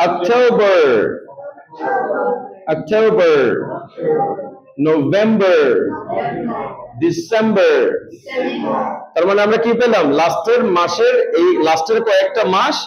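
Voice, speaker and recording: High-voiced male teacher drilling pronunciation. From Bangladesh. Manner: drills words aloud, praising students. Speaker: English teacher. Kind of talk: classroom pronunciation lesson. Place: classroom. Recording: echoey classroom, dull lo-fi sound.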